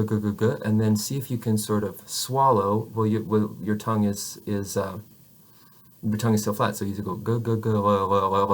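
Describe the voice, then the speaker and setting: A man teaching French pronunciation to camera, patiently showing each sound slowly with frequent restarts. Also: on the low side. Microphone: camera facing the speaker.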